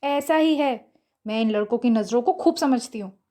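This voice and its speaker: A woman narrator voicing a lively young woman who is the best friend, teasing and dramatic. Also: a little high, moderate pace, lightly acted. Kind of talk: audio story character voice.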